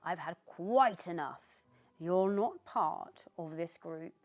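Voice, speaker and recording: A woman voicing a grumpy, bossy female witch in a storybook, speaking in a loud, stern, scolding way. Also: on the low side, very animated, extremely slow, creaky, faint music behind, full character voice.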